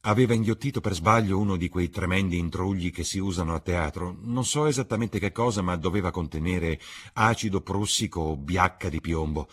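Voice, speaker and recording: Male reader as a deep-voiced worldly gentleman, grave and persuasive, storybook drama. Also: brisk. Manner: grave, smooth and coaxing. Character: worldly, cynical older gentleman, calm and persuasive.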